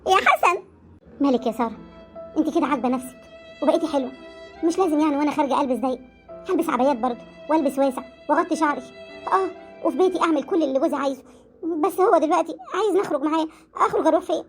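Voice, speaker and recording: A woman's voice: high-pitched, rapid-fire, soft background music. A woman with an Egyptian accent playing a timid, anxious wife who pleads with her husband in a family web drama. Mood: nervous. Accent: Egyptian Arabic. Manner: pleading, nervous.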